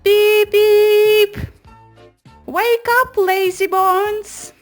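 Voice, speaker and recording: A woman's voice: very high-pitched, flat delivery, extremely slow, soft background music, pitched above the performer's own voice, exaggerated voice. A woman voicing a cheeky little male tank engine in a children's storybook, with exclamatory, whistling calls. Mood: teasing.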